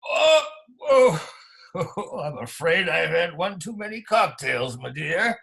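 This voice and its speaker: Tipsy, slow, creaky town drunk. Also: male voice, on the high side, very animated, fairly bright tone, heavily acted. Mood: tipsy, genial. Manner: drunken, weaving speech. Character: tipsy, genial male town drunk, courtly and rambling. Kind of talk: radio-play style screenplay reading.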